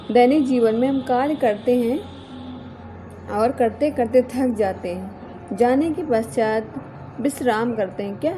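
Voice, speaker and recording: A woman teaching an exam-prep grammar lesson, who keeps asking "kya?" and then repeats her key points. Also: on the high side.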